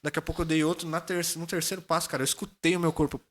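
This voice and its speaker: Brazilian man, podcast guest, quick animated storyteller with a bright, forceful voice. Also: fairly high pitch. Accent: Brazilian Portuguese. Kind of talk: casual storytelling.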